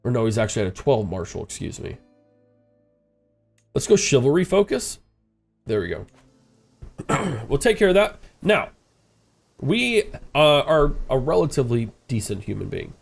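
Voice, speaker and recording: Over soft background music, a congested man's medium-pitched, creaky voice is very animated at a moderate pace, broken by long pauses. His nose stuffed up, he thinks aloud through rambling, casual commentary on a strategy game, with many "uh" fillers.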